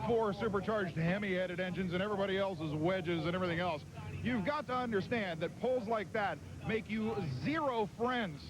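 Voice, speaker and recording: A man's voice: high-pitched, normal speed, crowd noise. A man interviewing competitors outdoors at trackside as a tractor pull broadcast reporter.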